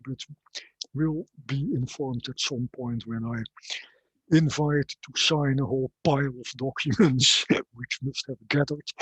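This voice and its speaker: Brief: husky chairman, dry close sound, formal and measured. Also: fairly high pitch, a bit bright, no room sound, poor audio. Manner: measured, formal, lightly wry. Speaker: chair of a PhD ceremony. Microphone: video call.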